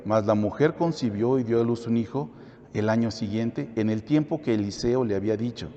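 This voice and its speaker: A man's voice: mid-range voice, normal speed, mellow, slight background noise. A man teaching a Bible study, asking the listeners questions and then answering them himself. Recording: echoey hall, dull lo-fi sound.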